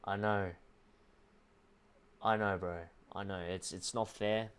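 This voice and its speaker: Emotional young man, low voice. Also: steady tone, fairly bright tone, smooth. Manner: earnest, halting, repeats "bro" and "man". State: emotional, close to tears. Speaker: livestreamer. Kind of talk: emotional heart-to-heart with a viewer on stream.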